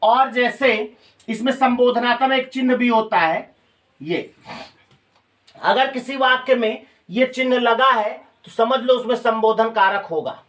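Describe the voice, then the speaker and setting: A man's voice: very high voice, measured pace, a bit bright. A male teacher giving a grammar lecture, explaining step by step and asking students questions. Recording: voice from a distance off the mic.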